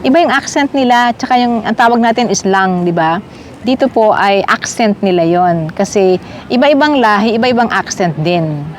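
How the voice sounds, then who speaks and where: A middle-aged woman from the Philippines chats with her viewers while strolling outdoors in a park. Her voice sits at an ordinary pitch, and her talk is friendly and conversational. Faint park ambience and distant traffic hum in the background. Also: expressive, moderate pace. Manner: chatty, addresses viewers as guys. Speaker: vlogger. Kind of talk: casual walking vlog.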